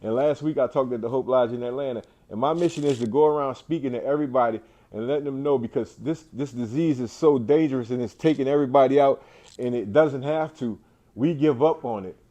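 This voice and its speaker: A man's voice: medium pitch, brisk, dark tone. A man and cancer survivor giving an inspirational, faith-driven talk to an audience indoors. He is emphatic, repeats his phrases and often restarts. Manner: faith-driven, preacher-like delivery.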